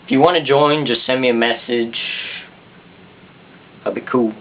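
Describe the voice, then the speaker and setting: A man's voice: medium pitch, fairly even intonation, normal speed, slight background noise. A man with a Southern US accent rambling casually to the camera in an off-the-cuff, self-deprecating vlog. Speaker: video blogger. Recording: dull, muffled consumer camera sound.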